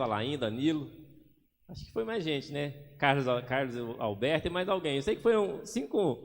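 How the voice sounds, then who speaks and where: A man preaching a sermon as pastor, acting out little everyday scenes as he goes. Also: fairly high pitch. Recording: long hall reverb.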